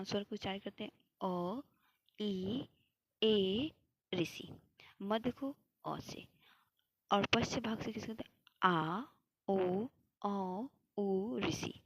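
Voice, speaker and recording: A woman's voice: mid-range voice, slightly rough, dry recording. A young woman teaching Hindi grammar for an exam, explaining step by step and answering her own questions. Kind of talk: classroom lecture.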